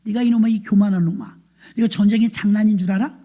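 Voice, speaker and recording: A woman's voice: mid-range voice, fast talker, warm tone, voice pushed down, lightly acted. Older brother, soldier, scornful, scolding, woman pastor voicing him. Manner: scolding, insulting.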